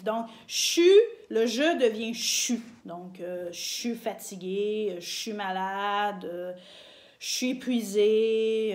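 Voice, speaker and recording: A woman with a Québécois accent talks through a casual video lesson. She is chatty, fills her sentences with hesitations and laughs easily, in a mid-pitched voice. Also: a little mellow. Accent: Québécois French. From Quebec. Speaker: language teacher on her channel.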